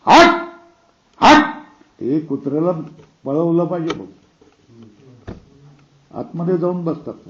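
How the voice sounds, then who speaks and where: A man giving a scripture lecture, explaining slowly, quoting verses and asking his listeners to confirm. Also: a little high, mellow, dull audio, a little hiss or hum. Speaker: teacher of scripture.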